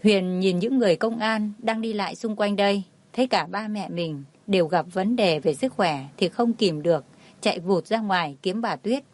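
A woman's voice: mid-range voice, moderate pace, a little mellow. A woman reading a dramatic family story aloud as a storyteller, voicing every part with little change to her voice. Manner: reads all the figures herself, barely changing her voice. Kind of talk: scripted narration.

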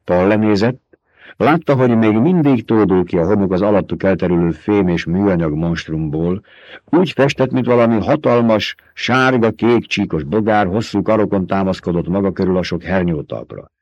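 A man narrates a novel in a steady, measured way. His voice sits fairly low, and the recording is dry and close with no room sound. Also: dry recording, lo-fi sound. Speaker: audiobook narrator. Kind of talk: scripted narration.

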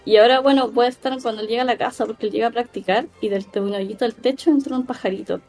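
A woman's voice: a little high, quick pace. Chilean woman retelling a film, faint music. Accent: Chilean Spanish. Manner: animated storyteller, acts out quoted lines. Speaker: podcast co-host. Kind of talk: casual chat, retelling a film scene.

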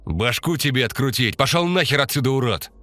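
A man voicing a hot-tempered young man who shouts coarse threats in an audiobook. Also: lowish voice, very animated, moderate pace, faint music behind, voice pushed up. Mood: furious.

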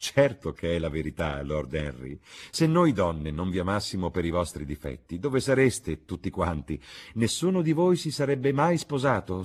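A chattering elderly society hostess, voiced by a man, her husky voice pushed high and loud. She gushes and swoops theatrically, teasing her guests without pause. It is told like a storybook read aloud. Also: heavily acted. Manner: shrill, gushing, theatrical.

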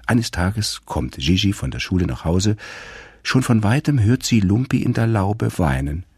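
A man reading a radio story aloud in a calm, measured storytelling manner. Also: on the low side, breathy edge, no room sound, studio quality. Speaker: narrator.

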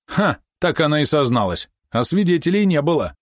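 A man voicing a boastful, gruff merchant who mocks and barks orders. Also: fairly high pitch, sing-song, moderate pace, dry recording, clean studio sound, voice pushed up. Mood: mocking. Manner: gruff, commanding, mocking. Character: boastful nervous male merchant in a funny hat.

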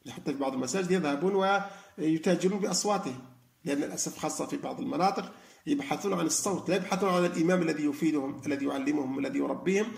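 A man's voice: a little high, rapid-fire, creaky, reverberant. A man giving a spoken religious lesson, explaining with frequent fillers and restarts. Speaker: lecturer on Quran reflection.

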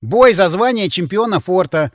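A male narrator voicing a nervous, defensive young soldier in a high, pleading voice. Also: lively intonation, moderate pace, no room sound, studio quality. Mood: pleading, heated. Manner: high, whiny, pleading delivery. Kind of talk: audiobook character voice.

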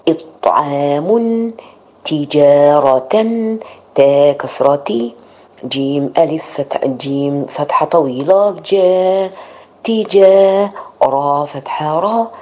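A woman's voice: deep voice, a little mellow. A woman teaching Quran reading. She spells each word out letter by letter and then blends the sounds together, in Arabic and English. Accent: Egyptian Arabic. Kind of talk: slow spelled-out recitation lesson.

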